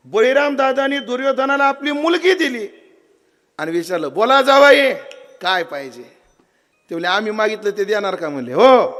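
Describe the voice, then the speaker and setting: A man with a Marathi accent preaching a devotional kirtan, telling a story with voiced characters and quizzing his audience. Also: high-pitched.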